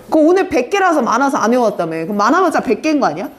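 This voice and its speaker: A woman teaching an English vocabulary class, brisk and teasing, quizzing students by name. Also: high-pitched, big pitch swings. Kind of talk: live online vocabulary class.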